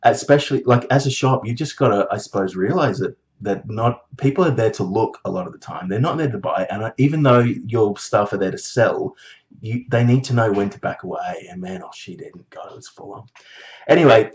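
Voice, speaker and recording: A man telling a story in a casual vlog, animated and swearing, mocking others in high voices. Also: fairly quick, lo-fi sound. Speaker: vlogger.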